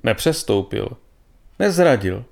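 A man narrating a story in a calm, measured reading voice. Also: lowish voice, gravelly.

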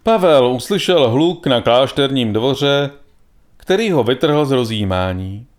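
A man narrating a story in a calm, measured reading voice. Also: medium pitch.

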